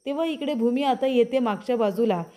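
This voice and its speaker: A woman narrates a TV serial episode and speaks straight to her viewers. Her voice is slightly high, with a mellow, warm tone. She recounts each scene with dramatic flair. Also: fairly quick. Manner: addresses the audience directly, dramatic recounting.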